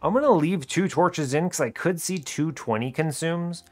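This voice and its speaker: This man's voice sits on the high side and keeps a moderate pace, backed by soft music. Hosting an educational gaming video series, he offers easygoing, chatty commentary, thinking out loud with dry, breezy understatement.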